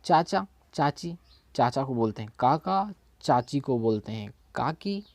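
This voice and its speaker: A man's voice: mid-range voice, expressive, unhurried, no echo. A man with a Chhattisgarhi Hindi accent teaching a language in a casual spoken lesson, often checking in and correcting his own slips. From India.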